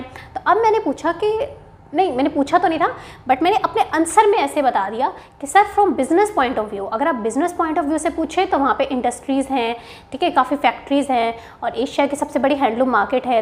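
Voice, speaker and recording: A young woman from Haryana, a bank officer, casually telling the story of her job interview to her viewers, chatty and mixing in English phrases. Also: high-pitched. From Haryana, India. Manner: chatty, mixes Hindi and English, frequent "theek hai" asides.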